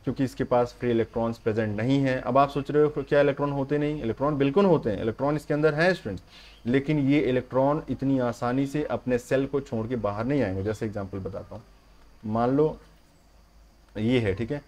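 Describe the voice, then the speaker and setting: A man's voice: medium pitch, quick pace, a little mellow. A man teaching electrician trade theory in a lecture, often checking "okay?" with the students and telling them to listen carefully. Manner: repeats "theek hai" and addresses "students" constantly; explains step by step, urges listeners to pay attention. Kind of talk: Hindi classroom-style lecture.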